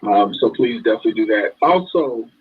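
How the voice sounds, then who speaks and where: A man's voice: fairly low pitch, expressive, brisk, husky. A man co-hosting an online radio show, laid-back and slangy as he signs off with announcements. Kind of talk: casual sign-off chat on an online radio show. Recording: tinny phone-like line.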